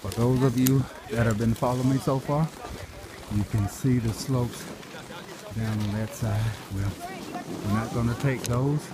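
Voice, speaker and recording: A middle-aged man in a mid-range voice with fairly even intonation commentates on his ski run for viewers, straining and repeating short phrases. He records on a handheld phone or camera outdoors, with heavy wind noise and rushing background sound.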